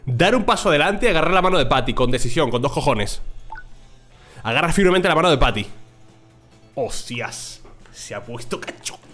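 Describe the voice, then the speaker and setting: A man's voice: a little high, expressive, moderate pace, long pauses, fairly bright tone, faint music behind. A young man with a Spain accent, a gaming streamer who reads a visual novel aloud and jokes crudely between lines. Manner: joking, crude, laughs often.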